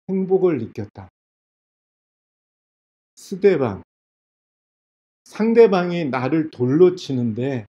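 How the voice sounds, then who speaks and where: A man's voice: medium pitch, warm tone. A male pastor preaching a sermon in a church. He tells stories, asks the congregation questions and acts out scenes. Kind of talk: sermon at a revival meeting. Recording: dull lo-fi sound.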